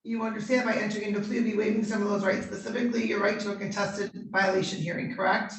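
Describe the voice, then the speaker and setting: A woman's voice: medium pitch, flat delivery. Woman judge in a courtroom recording. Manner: measured, procedural questioning. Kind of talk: formal court proceedings. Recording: roomy courtroom audio from a distant mic.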